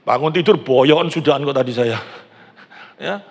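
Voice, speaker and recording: A man's voice: mid-range voice, normal speed, lo-fi sound. A man in his sixties with an East Javanese accent, preaching a chatty sermon and asking the congregation questions. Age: 60s. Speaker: pastor. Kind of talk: conversational sermon. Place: large church hall. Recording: reverberant church hall.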